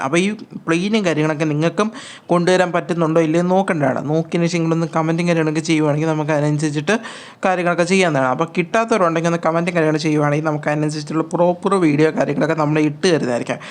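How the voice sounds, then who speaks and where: A man hosting a gaming channel, giving chatty, repetitive step-by-step instructions as a voice-over on a mobile game tutorial. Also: fairly high pitch.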